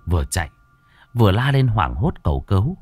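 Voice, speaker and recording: Lively low-voiced male horror narrator. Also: fairly quick, noisy background. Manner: expressive, dramatic. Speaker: audiobook narrator.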